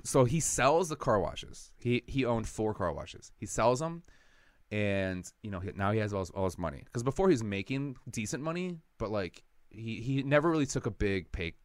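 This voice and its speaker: A man's voice: lowish voice, expressive, moderate pace, no echo, studio quality. A man telling a long personal story in casual podcast chat, rambling and profane, acting out what people said. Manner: rambling, profane, acts out quotes.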